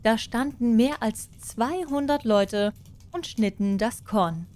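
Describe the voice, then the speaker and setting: A woman calmly reading a fairy tale aloud as an audiobook storyteller. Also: on the high side. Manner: calm, measured, unhurried.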